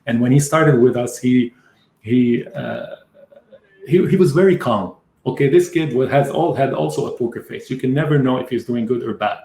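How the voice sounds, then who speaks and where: Middle-aged male market analyst hosting a webinar; chatty storyteller, medium pitch, recorded in a reverberant room. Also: expressive, normal speed, dark tone, a little hiss or hum. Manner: storytelling, explains with anecdotes. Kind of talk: conversational webinar teaching. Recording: roomy echo.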